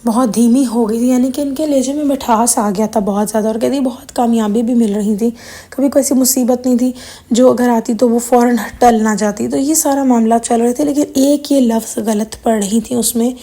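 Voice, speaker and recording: A young woman with a hoarse, slightly worn throat talks to her viewers in an earnest, informal way. Her voice sits on the higher side but sounds mellow and dark rather than bright. She slips in English words as she retells a story. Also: steady tone. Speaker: religious video presenter. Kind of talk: informal spiritual talk to viewers.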